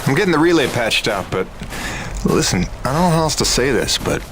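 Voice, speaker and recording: A man's voice: medium pitch, sing-song, fairly quick, a bit bright, a little hiss or hum, rough recording. A man acting a video game role as a rugged, earnest, wary pilot working on a frontier planet. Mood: earnest, concerned.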